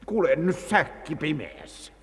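A man's voice: a little high, big pitch swings. An actor playing a blustering, jumpy male adventurer in a vintage radio play, stammering and cursing. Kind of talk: 1940s radio acting.

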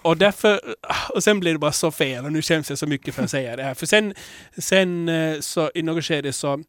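A man hosting a podcast in casual chat, candid and rambling, with many restarts, growing animated when telling stories. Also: a little high, no echo, clean studio sound. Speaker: podcast host.

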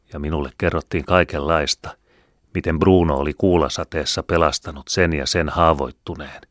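Male audiobook narrator, extremely low voice, solemn and measured, dry close sound. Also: a bit bright, dry recording. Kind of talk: scripted first-person narration.

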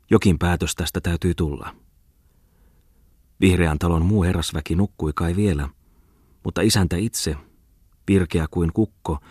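Low, husky male audiobook reader, measured storytelling, dry close sound. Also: a little mellow, no room sound. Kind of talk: scripted audiobook narration.

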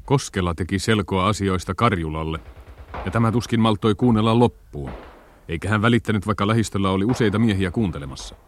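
A man narrates a radio play in a steady, plain reading. His voice sits low. A faint hiss runs underneath.

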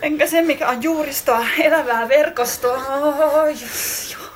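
A woman's voice: mid-range voice, a little hiss or hum, natural voice. A woman voicing a wistful wife reading a letter to her husband in a radio drama monologue, intimate and reflective. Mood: heightened. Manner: intimate, reflective, growing more heightened and excited.

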